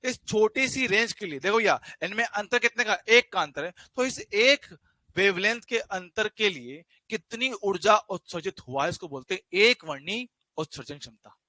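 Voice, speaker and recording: A man's voice: sits high, lively intonation, moderate pace, sharp tone, no room sound. A man teaching a physics class, repeating key terms and breaking off into teasing jokes with his students. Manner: jokey, teasing asides to students; repeats key phrases for emphasis.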